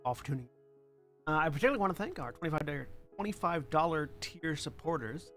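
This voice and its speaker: A man's voice: fairly high pitch, animated, fast, fairly bright tone, soft background music. A man, the show's executive producer, opening a live stream casually while his audio cuts in and out, so his volume keeps jumping. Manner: casual, thanks supporters. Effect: audio cutting in and out, uneven volume. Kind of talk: live-stream show intro.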